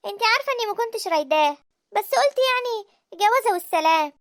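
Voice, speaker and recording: Expressive Egyptian cartoon heroine, played by a woman, high-pitched and quick. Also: dry recording, clean studio sound, heavily acted. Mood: heartfelt. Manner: animated, expressive. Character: young village woman Sara, lively and emotional. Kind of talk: cartoon voice acting.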